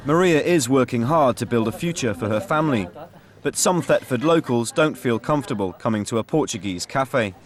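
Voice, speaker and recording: A man giving measured, scripted documentary narration. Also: mid-range voice, lively intonation.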